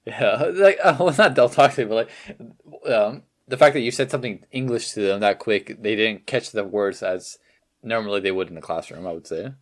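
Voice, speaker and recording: A podcast co-host with a lowish voice at a normal speed chats in an easygoing, agreeable way, sprinkling in plenty of likes and uhs.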